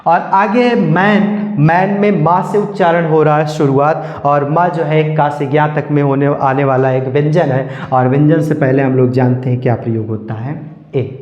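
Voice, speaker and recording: A man teaching an English grammar lesson, drilling each word slowly and asking questions he then answers himself. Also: on the high side, fairly even intonation, darkish tone, dull audio. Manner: slow, repetitive drilling of words, asking and answering his own questions. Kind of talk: classroom-style grammar lesson. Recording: echoey room with long reverb.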